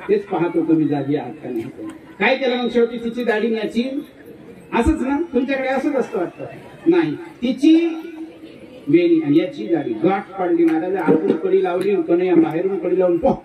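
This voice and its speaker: Male preacher, high-pitched, playful storyteller, roomy distant sound. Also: moderate pace, a faint crowd. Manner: animated, playful, teases the audience. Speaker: kirtan preacher. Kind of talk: humorous devotional storytelling sermon.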